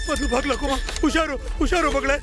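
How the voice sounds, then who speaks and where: A man's voice: very high-pitched, very fast. An actor playing a distraught father in a dubbed film, wailing and pleading over his lost daughter. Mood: urgent. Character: distraught middle-aged wrestler father. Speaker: grieving father. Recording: film soundtrack with music behind.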